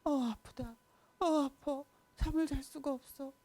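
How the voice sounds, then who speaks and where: A sick young king cries out in a high, wailing voice, drawn-out and lively in pitch, as a woman puts him on. The tone is warm and mellow underneath the pleading. It is a storybook role told to small children. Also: no echo. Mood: pained.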